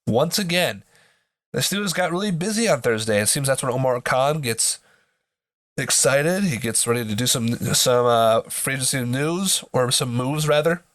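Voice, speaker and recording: A man's voice: medium pitch, animated, moderate pace, fairly bright tone, no room sound. A man hosting a sports podcast in casual commentary, his voice nasal from a blocked nose, as if pinching it, with joking asides.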